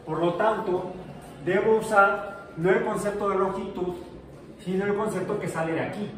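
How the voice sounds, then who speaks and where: A man's voice: high-pitched, fairly even intonation, normal speed, fairly bright tone, a little hiss or hum. A male physics teacher, lecturing a class in a joking way and asking his students questions. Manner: jokey, asks the class questions. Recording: echoey room, far from mic.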